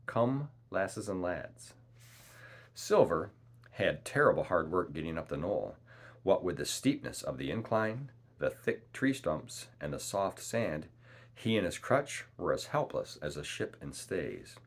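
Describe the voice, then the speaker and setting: A man reads a classic novel aloud in a steady, unhurried way. His voice is very deep. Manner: measured, calm storytelling. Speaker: audiobook reader.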